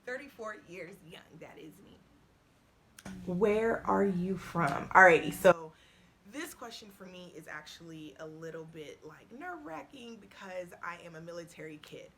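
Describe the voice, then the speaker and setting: A woman in her thirties chatting casually to the camera in a get-to-know-me video, animated and playful, laughing often. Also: on the low side, moderate pace. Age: 30s. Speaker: vlogger.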